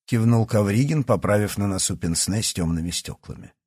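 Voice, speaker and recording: A man reading an audiobook as the narrator, with an expressive storytelling delivery. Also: fairly low pitch, fairly quick, slightly rough, no room sound, studio quality.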